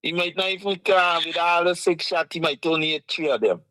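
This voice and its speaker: A man with a Guyanese Creole accent co-hosts a casual chat, his voice a little high, a little fast, pushed and bright, with no room sound. He earnestly explains his points with examples, often saying "you understand."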